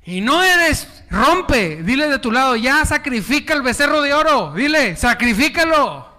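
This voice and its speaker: A man preaches a call-and-response sermon with animated energy, acting out dialogue and sinking into hushed tones. His voice is extremely high and unhurried, with long reverb from the hall.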